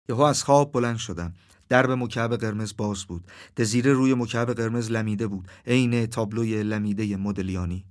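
A man reading a surreal literary story aloud, measured and soft. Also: medium pitch. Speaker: narrator.

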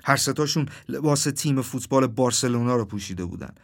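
A man narrates a dreamlike literary story in a measured, soft voice. His pitch sits in the ordinary middle range for a man. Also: lively intonation.

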